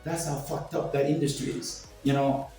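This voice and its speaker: This older man from Cuba has a mellow, fairly high voice that stays fairly level in pitch, and he talks at a moderate pace. He rambles through personal anecdotes with a salty edge, voicing other people's lines himself. The mic is distant, the room echoes, and soft music plays.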